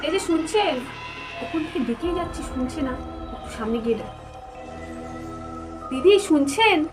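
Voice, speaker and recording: Woman as a scared big sister, high voice, nervous, repeats herself, music behind. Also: expressive, normal speed, far from the mic. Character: scared elder sister walking a dark road. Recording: background music.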